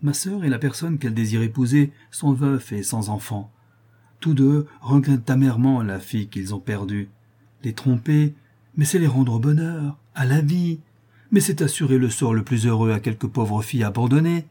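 Casting: homme faisant une comtesse manipulatrice, timbre grave voilé, livre audio. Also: male voice, mid-range voice, moderate pace, warm tone, slightly rough, natural voice. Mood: insistent. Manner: pleading then coldly threatening. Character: scheming haughty aristocratic woman, persuasive.

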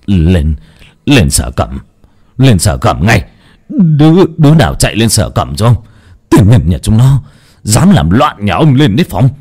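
A man's voice: deep voice, animated, quick pace, a little mellow. A man voicing a hot-tempered young master of a household in a storybook tale, barking bossy commands. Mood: furious.

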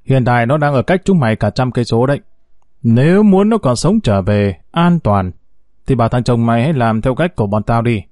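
A man voicing a menacing male kidnapper on the phone, speaking in a sharp, cold tone. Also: medium pitch, lively intonation, dry recording, clean studio sound, natural voice. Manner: menacing, slow and cutting.

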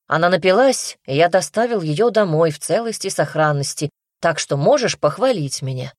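A woman voicing a sullen, mocking young brother who speaks curtly and slowly, in a low, husky voice. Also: lively intonation, no room sound, studio quality. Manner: curt, sarcastic, slow.

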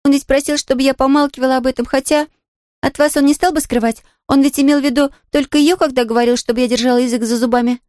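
A woman voicing an excitable, chatty young girl in an audiobook reading, talking in a breathless rush. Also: high voice, fast, dry recording, studio quality, voice pushed up, natural voice. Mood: eager.

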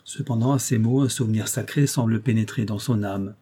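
A man reading a classic tale aloud in a measured, expressive literary manner. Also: fairly low pitch, husky. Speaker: audiobook narrator. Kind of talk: scripted narration of a classic tale.

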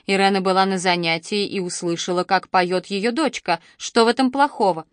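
A tired, busy middle-aged mother who answers in a flat, matter-of-fact way and waves off her daughter's complaints, as a woman reads her in an audiobook. The voice sits in a middle register. It is recorded close and dry, with no room sound. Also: medium pitch, normal speed, clear, resonant tone, dry recording, lightly acted. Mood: calm dismissive. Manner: matter-of-fact, dismissive, then snapping. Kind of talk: audiobook dialogue.

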